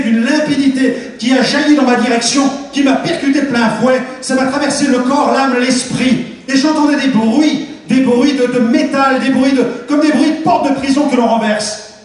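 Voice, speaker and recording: A man giving a fervent, dramatic testimony sermon in a large church hall. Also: extremely high pitch. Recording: echoey hall, distant mic.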